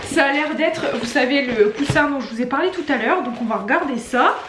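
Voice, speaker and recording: A woman with a French accent and a distinctly high voice chats casually to her vlog audience. She is recorded at home, and the room adds a clear echo around her words. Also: animated, brisk, noisy background. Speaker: vlogger. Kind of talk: casual chatty studio vlog. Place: indoors at home. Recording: echoey indoor room.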